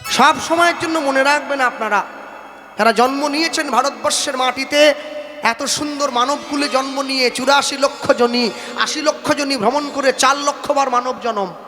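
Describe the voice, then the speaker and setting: A man's voice: very high-pitched, pushed and bright. A man preaching a devotional sermon in an impassioned, sing-song manner, breaking into chanted verses. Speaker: kirtan preacher. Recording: echoey hall, faint music behind.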